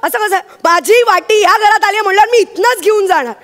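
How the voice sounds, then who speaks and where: A woman's voice: very high voice, fast, a bit bright. A woman playing a stubborn neighbour girl who insists on getting her bowl back. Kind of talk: Marathi comedy sketch acting.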